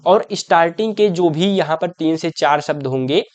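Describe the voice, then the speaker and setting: A man's voice: a little high, moderate pace, no room sound. A young man teaching an exam-prep grammar lesson. He explains step by step, asks questions and answers them himself, and keeps calling the viewer his brother.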